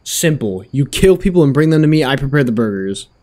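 A man reading aloud the lines of a grim older brother, a restaurant owner in a video game, in a flat, plain way. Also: mid-range voice, a little fast, close to an everyday voice. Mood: flat earnest.

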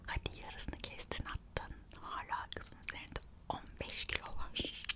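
A storyteller whispers an ASMR narration, reading aloud and adding gossipy, musing asides. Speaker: ASMR host narrating royal history.

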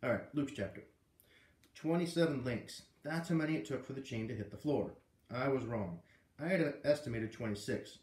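At a normal pace and in a mid-range, darkish voice, a thirty-something man reads a storybook casually, chatting between passages. The setting is his living room, with a camera a few feet off producing an echoey, roomy recording.

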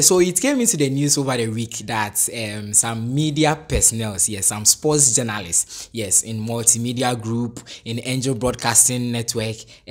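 Ghanaian man hosting sports news. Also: medium pitch. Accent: Ghanaian English. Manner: repetitive, punctuates with "yes", frequent restarts, chuckles. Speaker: sports channel host. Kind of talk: solo sports news commentary.

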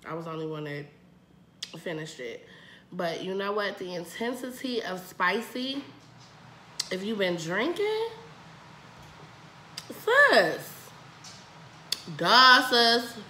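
A woman's voice: on the low side, unhurried, long pauses, a bit bright. An American woman in her thirties chatting casually and slangily to camera while she eats at home. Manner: slangy, talking between bites of spicy noodles. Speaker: mukbang vlogger. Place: indoor room at home. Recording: roomy echo, clear background noise.

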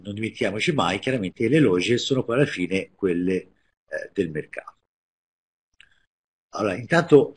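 Italian guy giving a webinar, kinda husky low voice, lots of ehs and restarts. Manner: hesitant, many fillers and restarts. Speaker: webinar presenter. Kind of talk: live webinar explanation.

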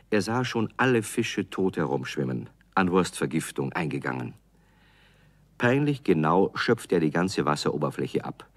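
A man narrating a children's radio play in a calm, measured storytelling manner. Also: deep voice, no echo.

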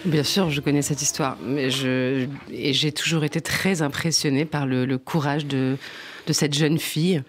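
A woman's voice: low voice, steady tone, normal speed, a little hiss or hum. A woman answering as a guest on a radio show, hesitant and restarting her sentences. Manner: hesitant, many restarts and fillers. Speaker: guest singer and actress. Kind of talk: casual interview answers.

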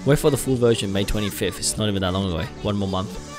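A video game streamer in his thirties, wearing a headset at a close desk microphone in an indoor room at home, gives casual, sweary commentary on a horror game. Scared and jumpy, he speaks quickly in a lowish voice, with loud music playing behind him.

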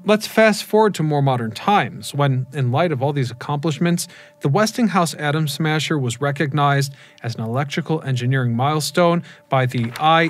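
Scripted documentary narration comes from a history channel host in his thirties, who explains things at a measured pace. The recording was made with a boom mic in a dark studio lit by a neon sign.

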